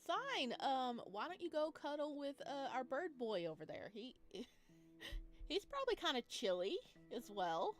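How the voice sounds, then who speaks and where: A woman does playful let's-play commentary on a visual novel, reading the narration aloud and teasingly talking back to the characters. Her high voice is very animated yet a little slow, and game music plays behind her.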